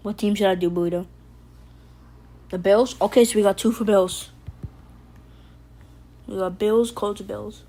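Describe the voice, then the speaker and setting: A woman's voice: mid-range voice, steady tone, measured pace, long pauses, warm tone, rough recording. Playful woman streamer chatting with her chat. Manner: playful, jokey, talks to chat by name; loose and rambling, frequent fillers and restarts. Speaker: livestream host. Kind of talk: casual live-stream chat.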